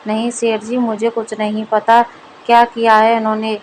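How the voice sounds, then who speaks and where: A woman's voice: fairly high pitch, completely flat delivery, normal speed, darkish tone, slight background noise, close to an everyday voice, low-quality recording. A woman voicing a fearful, devoted village wife who speaks anxiously and pleads. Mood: pleading.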